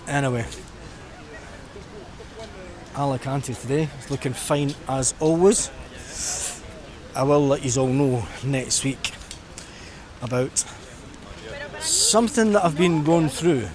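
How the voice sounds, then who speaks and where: Strolling along a busy seafront, a middle-aged Scottish vlogger chats in a casual, rambling, reflective way. He speaks at a medium pitch, and street noise and traffic can be heard outdoors around him.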